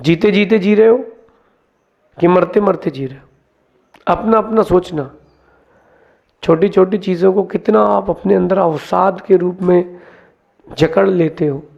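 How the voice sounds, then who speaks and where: A man, a monk, giving a sermon, telling parables in a lively teaching way and mixing in English words. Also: sits high, a little slow, creaky, pauses often. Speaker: Jain monk giving a discourse. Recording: dull lo-fi sound.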